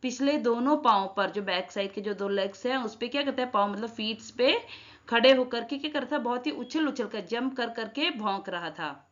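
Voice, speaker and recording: A woman's voice: fairly high pitch, normal speed. A woman teacher explaining a school reading lesson to children. She rereads each sentence and then explains its words in English. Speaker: Hindi teacher. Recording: dull lo-fi sound.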